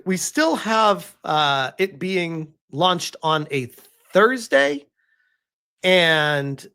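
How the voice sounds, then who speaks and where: A streamer with a high, slightly bright voice gives casual livestream commentary on gaming news. He sounds informal and incredulous, phrasing things haltingly and emphatically and throwing out rhetorical questions.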